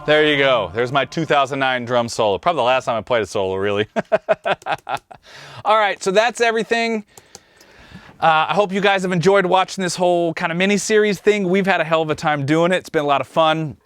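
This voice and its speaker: A Kansas man, host and drummer, gives a relaxed, chatty tutorial on how he mixed a track in his studio control room. His voice is fairly high, fairly quick, a bit bright and smooth, with no room sound.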